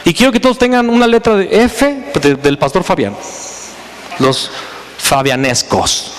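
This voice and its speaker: A pastor with a high, ringing voice delivers an emphatic sermon. His words carry a long reverb through the church hall, and his preaching builds in force. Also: unhurried, slight background noise. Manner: preaching with rising, emphatic intensity. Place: church sanctuary.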